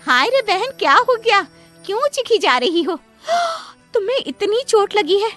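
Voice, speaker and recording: A woman's voice: very high voice, sing-song, moderate pace, pushed and bright, soft background music, full character voice. A woman voicing a meddling middle-aged neighbor woman in a cartoon story, lecturing in a preachy way.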